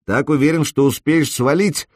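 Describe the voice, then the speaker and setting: A man's voice: a little high, normal speed, no room sound, studio quality, voice pushed up, close to an everyday voice. A man voicing a brash young male warrior who mocks and commands his foes. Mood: taunting. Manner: taunting, proclaiming, loud.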